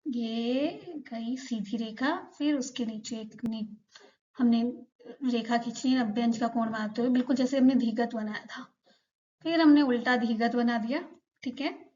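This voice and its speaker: एक महिला शिक्षिका धैर्य से पाठ समझाती है और हर उच्चारण को धीरे-धीरे दोहराती है।. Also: female voice, a little high, a little mellow, muffled recording. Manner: patient, repeats each sound slowly for learners. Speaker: Korean language teacher. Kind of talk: slow explanatory lesson.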